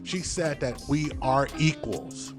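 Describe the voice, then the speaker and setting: In a played video, a man with a medium-pitched voice delivers opinion commentary at a slow pace. He lectures emphatically, hammering each point home, with a music bed running beneath him.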